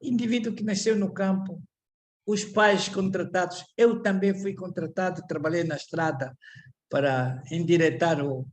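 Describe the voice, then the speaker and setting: An older man from Angola delivers a reflective lecture in Portuguese with an Angolan accent, halting often, restarting sentences and repeating words. His voice is high-pitched and his tone stays steady.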